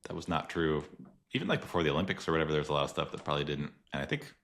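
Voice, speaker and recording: Racing along in a sing-song, rumbling low voice with a fairly bright tone, the podcast host keeps things chatty and laughs often, filling his speech with fillers. A little hiss or hum is audible in this casual interview.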